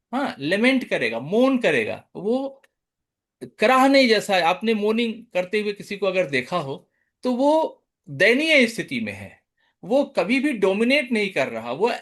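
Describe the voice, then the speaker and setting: High, lively male lecturer. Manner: mixes English terms into explanation; lively, acts out patient speech. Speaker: homeopathy lecturer. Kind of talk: online lecture.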